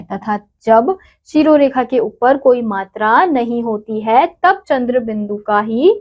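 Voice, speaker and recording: A woman teaches children in a slow, deliberate way, sounding out each syllable before saying the example word. Her voice sits a little high, and she takes her time. The recording is dull and lo-fi. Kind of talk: Hindi grammar lesson for children.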